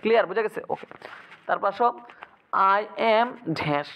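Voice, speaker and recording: A man teaching English grammar for exam prep, often pausing to ask his students if it is clear. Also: high-pitched, expressive, muffled recording, a little hiss or hum. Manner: keeps checking students understand with quick asks.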